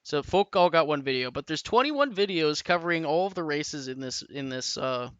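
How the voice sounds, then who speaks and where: Rambling man with a bright, crisp voice. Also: a little high, lively intonation, normal speed, highs cut off. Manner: rambling, with frequent restarts and "like". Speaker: tabletop and larp rules reviewer. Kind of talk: casual unscripted rant to camera. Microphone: camera mic.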